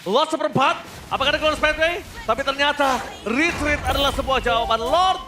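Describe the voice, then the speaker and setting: A man with an Indonesian accent working as an esports caster, calling a mobile game match in an excited, projected way. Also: very high-pitched, fairly quick, background noise.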